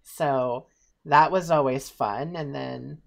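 A woman's voice: extremely low pitch, slow pace, gravelly. A young woman from Eastern Ontario, telling stories in casual chat, with lots of fillers. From Eastern Ontario, Canada. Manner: chatty, animated storytelling with many fillers.

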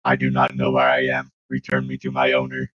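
A man putting on a deep robotic voice to play a deadpan sentient robot in a tabletop game. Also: fairly quick, lo-fi sound. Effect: deep robotic put-on voice. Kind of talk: tabletop roleplay in character.

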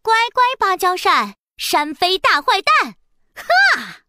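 Bratty Princess Iron Fan, very high. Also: female voice, wildly swooping pitch, a little slow, background noise, heavily acted. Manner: huffy, scolding, sulky. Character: haughty, bratty young female princess. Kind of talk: children's storybook voice acting.

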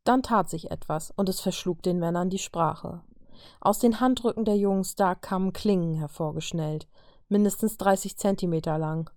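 A woman reading a story aloud in a calm, even narrating manner. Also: on the low side, moderate pace, no room sound, clean studio sound. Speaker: reader.

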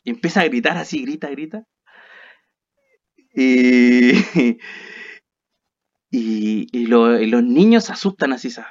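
Young Chilean man telling a story. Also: medium pitch. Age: young adult. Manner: animated, laughs often, acts out quotes. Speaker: podcast co-host. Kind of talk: casual storytelling. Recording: slightly dull lo-fi audio.

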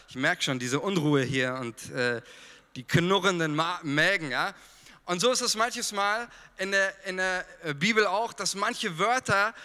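Speaking with a Franconian German accent, a high-pitched preacher from Franconia addresses his congregation directly in a lively sermon full of fillers and jokes. His voice trails off in a long reverb tail.

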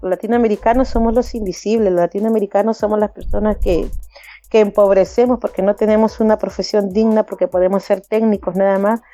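A woman's voice: medium pitch, fairly even intonation, fast, mellow, faint music behind. A woman of about fifty, a community organizer, talking passionately in an interview. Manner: passionate, acts out others' voices with laughter. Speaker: migrant community organizer, guest. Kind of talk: animated interview talk.

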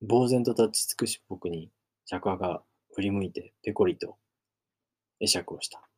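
Man, reading a novel aloud, low voice, husky, measured narration. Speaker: reader.

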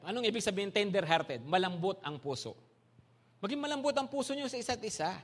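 A man with a Filipino accent preaching a sermon to a congregation, animated and full of rhetorical questions that check the listeners follow along. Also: high-pitched, a little fast. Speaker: pastor. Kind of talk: bilingual sermon.

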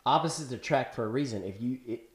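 A man's voice: mid-range voice, quick pace, reverberant. A man from Chicago hosting a podcast in casual chat, earnest and lecturing, often talking over the others. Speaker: podcast host.

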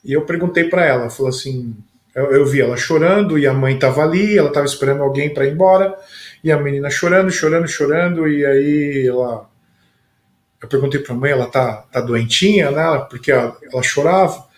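A man's voice: fairly high pitch, brisk. A man who is a pastor and podcast host, telling folksy anecdotes in a casual conversation. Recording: roomy echoey sound.

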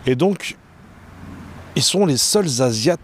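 A man who grew up in France, a guest in a relaxed interview, telling stories in informal slang. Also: on the high side, takes it slowly, slight background noise. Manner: animated storytelling, informal slang. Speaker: guest entrepreneur. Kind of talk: casual interview chat.

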